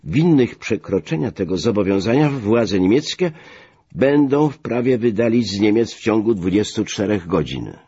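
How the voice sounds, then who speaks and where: A man's voice: on the low side, animated, moderate pace, warm tone, husky, no room sound, pitched above the performer's own voice. A man voicing a dry, haughty German army major who speaks curtly, in a muffled recording. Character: cold, arrogant male German army major.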